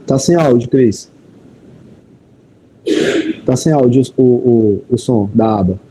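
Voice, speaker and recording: A man's voice: medium pitch, takes it slowly, noisy background. A man on a video call chiming in with tips about the missing audio. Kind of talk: casual online class talk.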